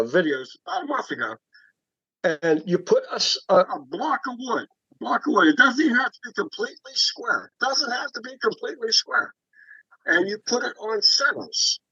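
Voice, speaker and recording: A man speaking over a conference call from his cell phone, halting and repeating words as he explains a woodturning project. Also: high-pitched, sharp tone, breathy edge, no room sound. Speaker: woodturning club member showing his work. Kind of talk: casual chat on a group call. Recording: dull dry phone-call audio.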